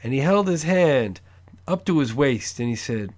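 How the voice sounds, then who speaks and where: A man co-hosting a podcast, telling stories in a relaxed, easygoing casual chat. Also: mid-range voice, normal speed. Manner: laid-back storyteller with easy laughs. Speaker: podcast co-host.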